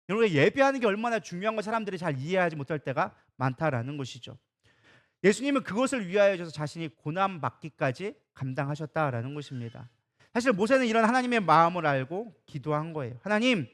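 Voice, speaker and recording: Fast-talking, high-voiced male pastor preaching. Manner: lively, conversational preaching that acts out quoted dialogue. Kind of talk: sermon. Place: church sanctuary.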